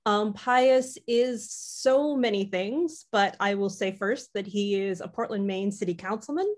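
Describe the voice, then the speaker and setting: A woman's voice: mid-range voice, measured pace. A woman co-hosting an online event, introducing a panelist with enthusiastic praise over a video call. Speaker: event co-host.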